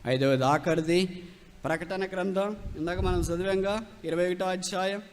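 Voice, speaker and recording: A man's voice: sits high, fairly even intonation, normal speed. A male preacher from Rayalaseema giving an emphatic sermon, repeating key phrases and mixing in English terms. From Rayalaseema, India. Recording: long hall reverb.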